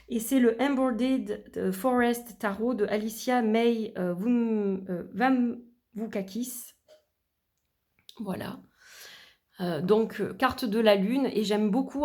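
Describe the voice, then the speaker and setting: A middle-aged woman vlogs in a loose, chatty way, full of fillers and restarts, her somewhat high, slightly mellow voice sounding a bit worn. She is losing her voice as she chats casually.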